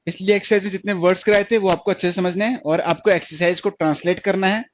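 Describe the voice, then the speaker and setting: A man's voice: sits high, fairly even intonation, fast talker, muffled recording. A man teaching a stenography class online, repeating each point and asking questions he then answers himself. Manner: repetitive, asks questions and answers them himself.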